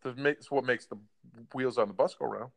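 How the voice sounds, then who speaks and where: A man's voice: medium pitch, normal speed, vocal fry, no room sound. A man co-hosting a casual chat, mocking and incredulous as he needles his friend. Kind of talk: casual banter.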